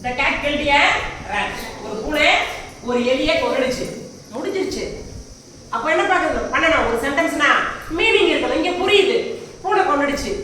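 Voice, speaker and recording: A woman's voice: high voice, lively intonation, normal speed, long pauses, fairly bright tone. A woman teaching English grammar in a classroom, speaking with a Tamil accent and often stopping to ask if her students follow. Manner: explains in Tamil mixed with English, asks frequent check questions. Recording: very echoey room, voice far from mic, faint background noise.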